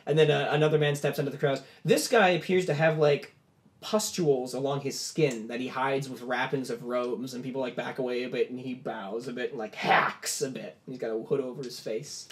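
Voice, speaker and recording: A man's voice: medium pitch, steady tone, brisk. A man narrating a tabletop game as game master, in loose, chatty phrasing full of filler words.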